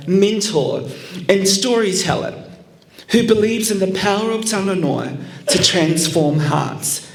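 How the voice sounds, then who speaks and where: Guy mc with a pretty high voice, formal scripted announcing, lots of room echo. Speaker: event MC introducing pageant judges. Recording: roomy, echoing venue sound.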